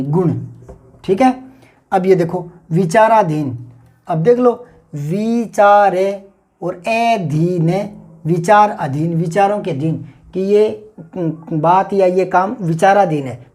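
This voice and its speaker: Mellow-voiced male Hindi grammar teacher. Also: high-pitched, slow pace. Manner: patient, repeats key words aloud to drill them. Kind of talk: classroom-style grammar lesson.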